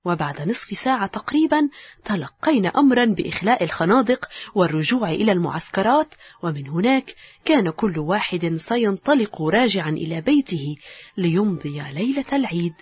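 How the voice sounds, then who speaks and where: A woman's voice: mid-range voice, sing-song, fairly quick, husky. A woman voicing a male soldier home from the trenches, recounting his story in the first person, on a dull lo-fi recording. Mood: earnest.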